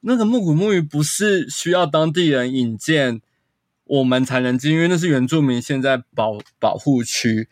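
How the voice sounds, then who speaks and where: A man spins a chatty anecdote in a fairly high voice. He strings events together with constant "and then"s and acts out the lines of each person in the story. The sound is dry and close, with no room around it. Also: normal speed, no echo. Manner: animated anecdote-telling with quoted dialogue and frequent "然后". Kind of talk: casual storytelling.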